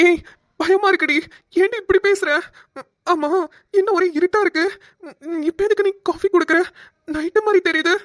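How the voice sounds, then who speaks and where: A woman's voice: sits high, normal speed, fairly bright tone, no echo, studio quality. A woman voicing a sleepy, easily scared young husband in a cartoon, whiny and stammering when frightened. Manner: whiny, teasing banter. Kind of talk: cartoon voice acting.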